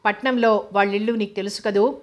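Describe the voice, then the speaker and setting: Woman reading as a worried well-off lady, hesitant, distracted, flat pitch. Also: fairly quick, highs cut off, natural voice. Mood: anxious.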